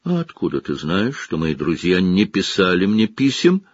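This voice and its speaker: A man voicing an earnest, upset young wizard boy in an urgent, hushed way, close to his own reading voice. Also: low voice, big pitch swings, moderate pace, breathy edge, heavily acted. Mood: defiant. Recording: slightly dull, dry recording.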